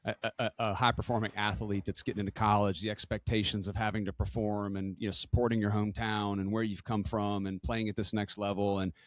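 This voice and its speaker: A middle-aged podcast host asks questions in a loose, chatty way, often restarting his sentences. His voice sits fairly low and sounds dry, close to the mic. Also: little pitch movement, a little fast, few pauses, no echo. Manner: casual, laughs easily, many restarts. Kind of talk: podcast interview.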